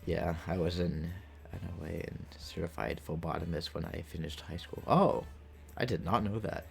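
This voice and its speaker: There's a creaky edge to this low-pitched gamer's voice, and he keeps a moderate pace. The late-twenties streamer rambles casually through stories for his viewers over background music, voicing the quotes he repeats.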